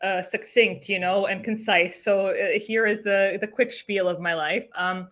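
A woman's voice: mid-range voice, steady tone, a little slow, a bit bright. A woman in her thirties from Serbia, telling her story as a podcast guest in a chatty way, with many fillers and restarts. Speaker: podcast guest, car saleswoman. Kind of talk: casual interview chat.

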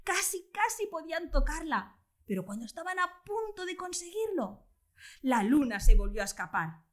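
Animated woman telling a children's story. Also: very high voice, moderate pace, roomy sound. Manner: animated, expressive.

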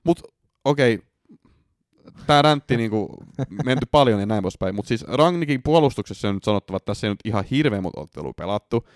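A man argues in a heated podcast debate, his pitch climbing sharply as he pushes back and dropping low on his trailing fillers. He swears freely and keeps a loose, conversational flow. The recording is dry and close. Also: no room sound. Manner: animated, swearing, frequent "tiiäks" fillers, pitch jumping up when arguing. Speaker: podcast co-host.

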